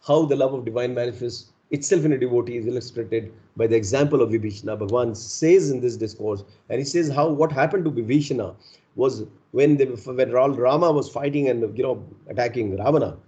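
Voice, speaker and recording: Mellow Indian man giving a devotional discourse. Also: medium pitch, fairly quick. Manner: earnest teaching, with rhetorical check questions. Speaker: spiritual speaker leading a satsang. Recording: dull, muffled lo-fi sound.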